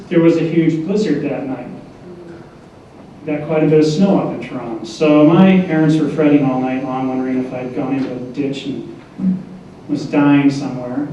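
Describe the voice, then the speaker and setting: An older man giving a memorial tribute to his mother, speaking haltingly with pauses and fillers. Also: on the high side, dark tone, slight background noise. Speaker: son giving a eulogy. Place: large echoing hall. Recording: echoey lo-fi hall recording from far off.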